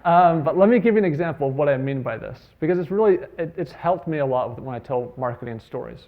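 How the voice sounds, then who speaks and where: A man giving a conference talk, telling stories in a conversational way with lively emphasis. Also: fairly high pitch, fast talker, lo-fi sound. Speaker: conference speaker. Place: conference stage.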